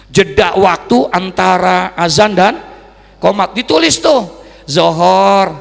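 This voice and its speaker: A man preaching an Islamic sermon, telling stories in a folksy colloquial way and swinging from loud sung calls to low asides. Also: creaky. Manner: folksy Jakarta colloquial speech. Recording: reverberant hall recording.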